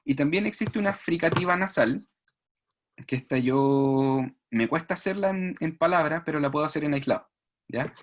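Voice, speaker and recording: A man's voice: fairly high pitch, animated, moderate pace. A man giving an online speech therapy lecture, explaining patiently, demonstrating sounds and checking "¿ya?" often. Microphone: video call.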